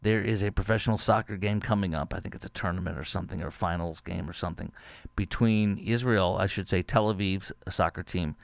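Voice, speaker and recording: A man's voice: on the low side, gravelly, smooth, no echo, studio quality. A man hosting a podcast, giving indignant, scornful political commentary. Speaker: podcast host.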